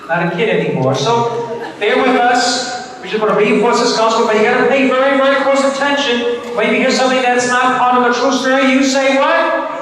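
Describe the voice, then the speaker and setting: A man introducing a children's homily during Mass, animated and coaxing the congregation to shout back. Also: extremely high pitch, fairly quick. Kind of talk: playful sermon to children. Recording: distant voice in an echoey church.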